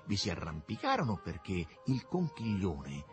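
A man narrating a literary novel with an expressive, swooping storytelling delivery. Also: low voice, moderate pace, soft background music.

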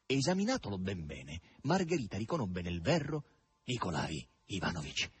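A man's voice: low-pitched, wildly swooping pitch, normal speed, slight background noise. A man reading a novel aloud with dramatic, lilting narration. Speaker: audiobook reader. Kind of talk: expressive literary narration.

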